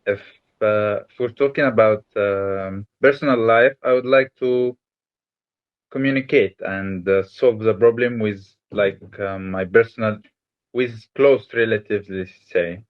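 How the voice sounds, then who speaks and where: An Egyptian man, a native Arabic speaker whose English carries Malaysian influence, answers interview questions casually. His voice is on the low side and unhurried, and the lo-fi sound is dull.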